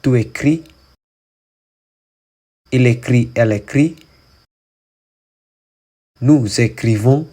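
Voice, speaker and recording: A man reciting verb conjugations slowly and clearly as a language teacher. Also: mid-range voice, dark tone. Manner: slow, deliberate, enunciated recitation. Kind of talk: slow conjugation drill.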